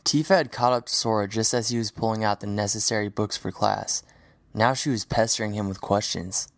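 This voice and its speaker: A man narrating a fan audio drama as a storybook reading in a steady, even manner. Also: on the low side, fairly quick, vocal fry, no room sound, clean studio sound. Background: faint music.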